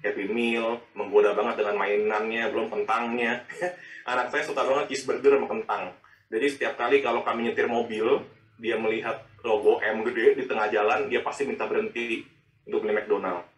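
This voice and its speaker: Guy preaching, chatty and lively, sounds far off in an echoey room. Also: lowish voice, brisk. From Indonesia. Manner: lively, chatty with frequent rhetorical questions. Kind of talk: sermon. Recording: echoey and distant.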